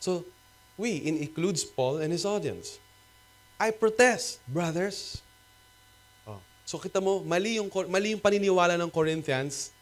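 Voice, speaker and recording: Animated Filipino pastor preaching. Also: male voice, high voice, moderate pace. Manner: animated, rhetorical preaching that mixes Tagalog and English. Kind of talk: sermon. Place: cinema used as a church hall.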